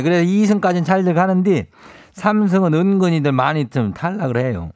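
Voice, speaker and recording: A man's voice: a little high, darkish tone, no echo, clean studio sound. A man with a Chungcheong Korean accent hosting a radio show, reading listener messages aloud and giving teasing, homespun advice in a drawling, folksy way. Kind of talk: folksy radio call-in chat.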